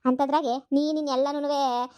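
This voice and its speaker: A woman's voice: high-pitched, level tone, normal speed, darkish tone, lightly acted. A woman voicing a young village wife and daughter in a cartoon comedy. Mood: scolding.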